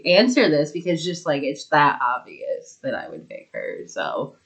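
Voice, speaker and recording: A woman's voice: deep voice, sing-song, a little slow, creaky. A young woman co-hosting a podcast, bantering playfully in casual chat. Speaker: podcast co-host.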